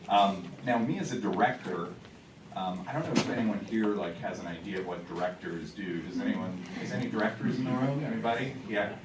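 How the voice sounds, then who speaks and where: With a fairly low voice and a brisk delivery, a theater director chats casually to the audience before the show, full of fillers and restarts. The auditorium audio is echoey and noisy, his handheld microphone captured from far away.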